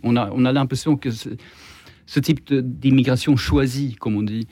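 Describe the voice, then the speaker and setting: A man's voice: medium pitch, fairly even intonation, moderate pace, warm tone, husky, no room sound. A man with a Swedish accent speaking as a guest on a political debate panel, hesitant, stumbling over repeated words and restarts. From Sweden.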